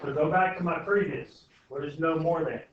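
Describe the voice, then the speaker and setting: Speaking at a moderate pace in a slightly high voice with fairly even intonation, a male algebra teacher runs a casual lesson, reasoning out loud and frequently quizzing his students. It was captured indoors in a very echoey classroom by a distant mic, so it sounds muffled, with faint noise.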